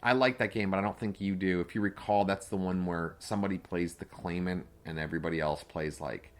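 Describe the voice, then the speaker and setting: A man's voice: low-pitched, steady tone, fairly quick. A man co-hosting a podcast in a casual, rambling chat, full of fillers and restarts. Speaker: podcast co-host and game master.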